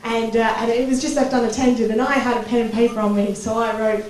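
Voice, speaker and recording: A young Australian woman performing a stand-up comedy set, chatty and self-mocking, breaking into loud giddy bits. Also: fairly high pitch, little pitch movement, fairly quick. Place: small comedy club stage. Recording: echoey club recording from far off.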